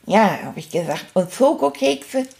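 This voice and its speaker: A woman's voice: medium pitch, big pitch swings, measured pace, creaky, darkish tone. A woman voicing a cheerful, cheeky male stuffed toy rat, retelling events in a chatty, rambling, fond way. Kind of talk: first-person storytelling.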